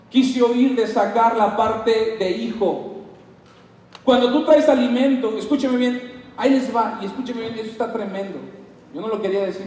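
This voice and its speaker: A man with a Mexican Spanish accent preaching a sermon as pastor, animated and acting out little dialogues. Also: high voice. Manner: animated, acts out dialogues in put-on voices. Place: church hall. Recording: echoey hall, mic at a distance.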